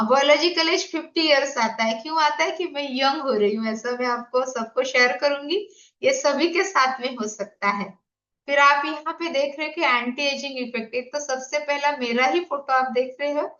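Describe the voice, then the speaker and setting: Woman in her fifties, high-pitched, health coach, explanatory online talk, roomy lo-fi sound. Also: bright, forceful tone. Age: 50s. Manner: explanatory, asks the audience questions. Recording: echoey, dull lo-fi room sound.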